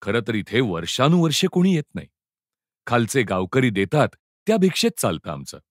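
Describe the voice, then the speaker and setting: A man voicing a serene, welcoming Buddhist monk who speaks softly and courteously in a storybook reading. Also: mid-range voice, moderate pace, no room sound, studio quality. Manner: soft, calm, courteous.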